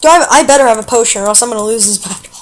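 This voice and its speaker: Chatty high-voiced woman gamer. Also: fast talker, background noise. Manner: chatty and excitable, reacting aloud to the game with frequent fillers. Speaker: let's play gamer. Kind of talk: casual gameplay commentary.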